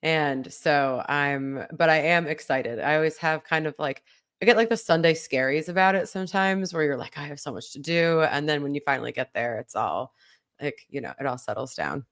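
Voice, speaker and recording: A woman with a very low voice co-hosts a podcast. Her voice is smooth and clear, and she talks in a chatty, rambling way with frequent laughs. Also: moderate pace, a bit bright. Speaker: podcast co-host. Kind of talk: casual chat.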